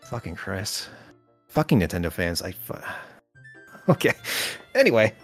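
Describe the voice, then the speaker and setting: A man's voice: deep voice, very animated, measured pace, soft background music. A man co-hosting a casual chat, sarcastic and swearing often, laughing a lot. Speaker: podcast co-host.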